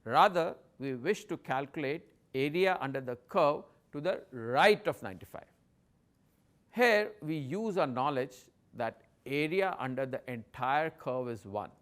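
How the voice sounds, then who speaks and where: A man giving an instructional lecture as a teacher, speaking in a measured, deliberate way as if dictating terms step by step. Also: mid-range voice, lively intonation, a bit bright. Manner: measured, deliberate dictating of terms and formulas in short separated phrases. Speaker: statistics lecturer.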